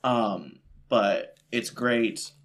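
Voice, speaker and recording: A man's voice: mid-range voice, drawn-out words, a bit bright. A man co-hosting a podcast who rambles in casual chat, full of "like" and "you know". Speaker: podcast co-host.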